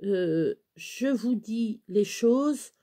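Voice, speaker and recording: A woman's voice: medium pitch, expressive, drawn-out words, dark tone. A woman from Touraine with a Touraine accent, chatting to camera on her own channel in a rambling way, with many fillers and restarts. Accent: Touraine French. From Touraine, France. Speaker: YouTuber. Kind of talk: casual chat to camera.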